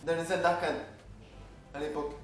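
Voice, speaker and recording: A man's voice: a little high, flat delivery, a little fast, a bit bright, soft background music. A young man casually vlogging, rambling and joking while reading from his notes. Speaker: video creator. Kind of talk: casual vlog talk. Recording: echoey room, far from mic, faint noise.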